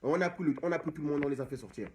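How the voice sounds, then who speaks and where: A man's voice: on the high side, racing, dark tone, slight background noise. A young man from Cameroon, an activist abroad, speaking straight to the camera and exhorting his audience, repeating the same phrases again and again. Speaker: diaspora activist. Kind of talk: impassioned direct-to-camera monologue.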